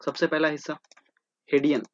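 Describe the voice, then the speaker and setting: Male tutor, exam-prep lecture, asks and answers himself, slightly high-pitched, dull lo-fi recording. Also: monotone, moderate pace, no echo. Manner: repetitive, drilling terms, asking and answering his own questions. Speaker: teacher. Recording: dull lo-fi sound.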